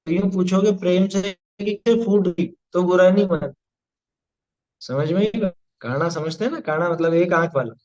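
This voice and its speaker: A man's voice: high voice, normal speed, a little mellow, highs cut off. A man teaching a scripture class, explaining patiently and checking understanding with rhetorical questions, now and then reciting Sanskrit verses. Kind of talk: scripture study discourse.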